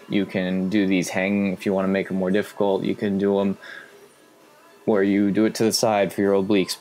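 A young man with a deep, low voice narrates his training session in a casual, explanatory coaching manner. He talks as if chatting to his followers. A faint background hum sits under the voice. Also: darkish tone. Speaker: fitness vlogger.

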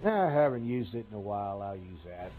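A man's voice: on the low side, big pitch swings, fairly quick, narrow, tinny audio, slight background noise. A man streaming a tank game, giving casual commentary with grumbling, sarcastic asides.

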